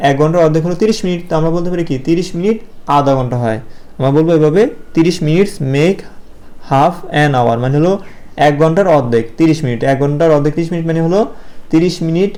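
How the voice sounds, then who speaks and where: Speaking with a Bangladeshi Bengali accent, this man gives a patient, slow video lesson for young students. He asks himself questions, then answers them, pausing often with fillers, and his voice is on the high side and mellow.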